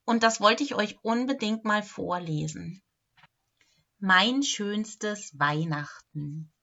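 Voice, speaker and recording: A woman in a clown role reading a Christmas storybook aloud, playful and animated. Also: medium pitch, takes it slowly, vocal fry, highs cut off.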